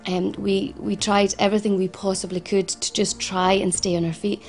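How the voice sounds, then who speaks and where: In a personal interview, a Glaswegian woman from Scotland, founder of a financial advice service, earnestly recounts her story, often stumbling, restarting and repeating herself. Her mid-pitched voice stays level with little movement, the recording is rough, and soft music sits faintly beneath.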